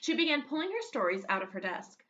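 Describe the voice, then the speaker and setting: Reading a children's storybook to her young pupils, a woman teaching elementary school performs it expressively and breaks off for asides. She sits high and sing-song, talking fast in a pushed, bright voice, and the highs are cut off.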